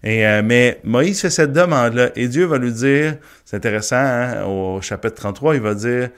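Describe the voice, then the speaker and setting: A man's voice: medium pitch, moderate pace, clean tone. A man giving a morning Bible teaching, talking it through with many fillers and restarts. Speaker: pastor.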